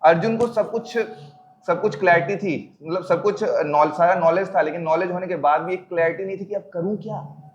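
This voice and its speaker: A man's voice: high-pitched, moderate pace, lo-fi sound. A man giving a spiritual talk to a youth group, speaking in a conversational way, mixing in English words and asking the crowd questions. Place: gathering with a crowd present. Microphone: microphone on a sound system.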